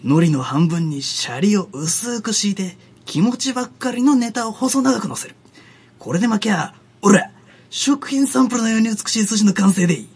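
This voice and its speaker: Brief: brash, bossy sushi "expert", rough Edo-style Tokyo talk, a man doing the voice; husky and animated in a comic radio skit. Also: high voice, normal speed, voice pushed up, full character voice. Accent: Edo-style Tokyo dialect put on over Kansai. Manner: blustering, rough street talk. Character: gruff boastful middle-aged male hand-rolled sushi know-it-all.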